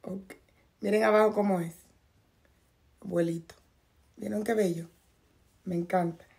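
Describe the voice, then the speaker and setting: A woman whose voice is going hoarse talks through a clothing haul at home, addressing her viewers directly in a chatty way. Her tone sits at a middle pitch with plenty of gravelly fry. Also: fairly even intonation, moderate pace, a little mellow. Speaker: fashion vlogger. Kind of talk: casual clothing haul unboxing. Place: at home, in a bathrobe.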